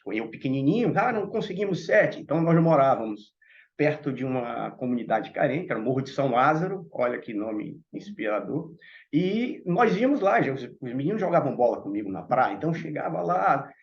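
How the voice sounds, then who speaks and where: A man's voice: fairly high pitch, dull audio. A man from Salvador with a Bahian Brazilian accent, giving a reflective talk as a panel speaker and addressing the audience directly with many asides. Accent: Bahian Brazilian Portuguese. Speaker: panel speaker at a Theosophical meeting.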